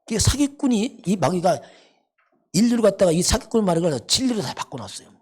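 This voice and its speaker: Husky-voiced preaching man, lively pitch. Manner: emphatic, repetitive preaching with rhetorical questions. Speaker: pastor. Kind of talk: sermon. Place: church sanctuary.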